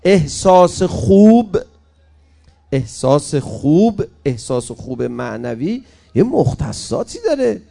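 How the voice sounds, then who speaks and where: High, gravelly preacher man. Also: big pitch swings, soft background music. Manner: dramatic, shifts between loud exhortation and soft pleading. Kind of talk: emotional religious sermon.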